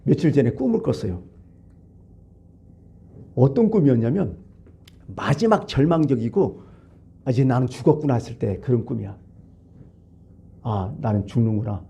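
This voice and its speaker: Gravelly dark-voiced pastor preaching a sermon. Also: male voice, mid-range voice. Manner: storytelling, conversational, swings between hushed and animated. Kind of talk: Wednesday service sermon. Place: church. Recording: dull lo-fi church recording.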